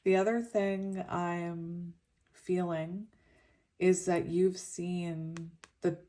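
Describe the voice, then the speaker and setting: A woman with a fairly low, soft-edged and mellow voice talks through a tarot reading. Her s sounds come out slushy, with a lisp from a retainer. She is informal and reflective, wandering from thought to thought. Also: little pitch movement, extremely slow. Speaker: tarot reader. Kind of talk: casual pick-a-card tarot reading.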